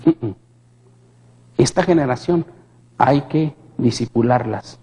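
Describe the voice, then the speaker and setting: A man's voice: medium pitch, takes it slowly, dark tone, slightly rough. A man gives a dramatic personal testimony in church as a vivid storyteller who asks his listeners questions directly. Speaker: guest giving testimony in church.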